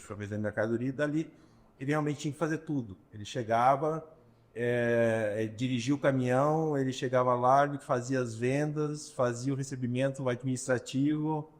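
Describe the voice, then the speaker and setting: Brazilian guy on a podcast, mid pitch, takes his time telling the family story, lots of little pauses. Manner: unhurried storyteller, pauses often to find words. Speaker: guest, restaurant entrepreneur. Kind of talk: casual interview talk.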